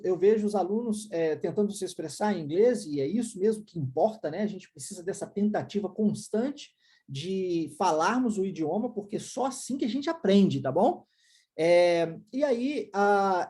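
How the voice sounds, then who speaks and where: A woman's voice: mid-range voice, mellow. A Brazilian woman with a Brazilian Portuguese accent, teaching an English lesson and checking in often with the viewer. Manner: explanatory, checks in with "tá?" and "né?".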